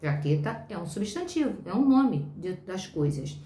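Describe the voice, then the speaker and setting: Brazilian woman teacher, patient and slow with young kids, roomy echo around her. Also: fairly low pitch, sing-song, mellow, a little hiss or hum. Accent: Brazilian Portuguese. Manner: slow, patient, repeats words for young pupils. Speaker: primary school teacher. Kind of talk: online class for children.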